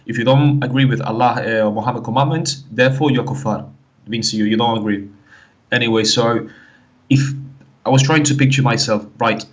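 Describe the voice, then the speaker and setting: Here the Canary Islander, a casual interview guest with a Spanish accent, speaks in fits and starts, leaning on "like, you know" between thoughts. His pitch is medium and his tone steady, though the audio has its highs cut off.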